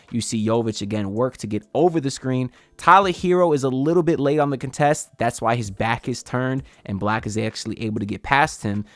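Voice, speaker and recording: A man's voice: mid-range voice, no echo. Guy doing a hoops film breakdown, gets hyped on big plays, dry close mic. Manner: animated, builds excitement over big plays. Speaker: basketball film analyst.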